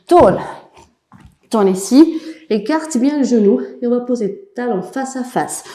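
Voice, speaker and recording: A woman leading an abs workout class, counting repetitions and giving short, brisk, encouraging cues. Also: high-pitched, mellow. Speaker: fitness coach. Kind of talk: guided workout instruction.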